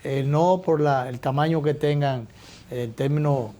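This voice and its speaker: A man with a mellow, slightly high voice hosts a talk show. He offers political commentary slowly and thoughtfully. He pauses and restarts his phrases often. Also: steady tone. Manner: measured, reflective, with many hesitations and restarts.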